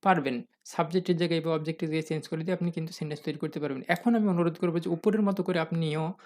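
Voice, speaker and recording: A medium-pitched, slightly mellow voice with fairly even intonation guides viewers through a recorded English grammar lesson. Patiently, the teacher addresses them as learners, asks and answers questions, and takes example sentences slowly.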